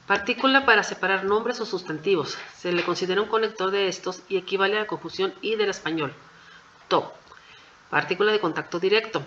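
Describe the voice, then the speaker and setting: A woman's voice: mid-range voice, fairly quick, fairly bright tone. A woman walks through exam answers one by one, with the patient, methodical manner of a teacher who keeps checking that her students follow. The recording is a little dull and muffled, with a faint hum underneath. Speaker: Japanese language teacher.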